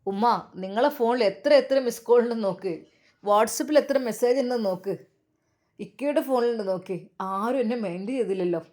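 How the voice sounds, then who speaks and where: A woman's voice: fairly high pitch, a little fast, mellow, close to an everyday voice. A woman voicing an upset young husband pleading with his mother.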